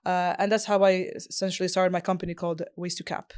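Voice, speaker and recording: Smooth-voiced woman guest from Morocco. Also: fairly low pitch, flat delivery, fast talker, a little mellow. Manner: fluent, thoughtful, with frequent fillers. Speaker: business founder, guest. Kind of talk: interview answers.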